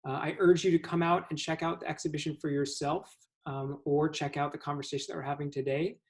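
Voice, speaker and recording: A man's voice: on the high side, little pitch movement, fast talker. A man hosting a museum artist talk, introducing and interviewing the guest with thoughtful questions. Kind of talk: hosted conversation.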